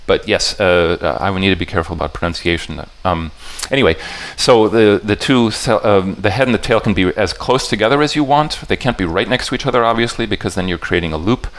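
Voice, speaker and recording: A man with a low voice presents a puzzle talk to a live audience. He speaks in halting stretches, backing up to rephrase mid-sentence. Now and then he asks the room whether they are following. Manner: halting and self-correcting, stops to restart sentences; talks directly to the audience with checking questions. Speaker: puzzle setter giving a convention talk.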